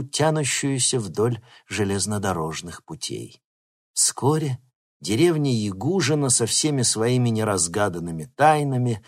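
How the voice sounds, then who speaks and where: Husky, lively male audiobook narrator. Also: lowish voice. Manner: lively expressive reading. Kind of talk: scripted narration.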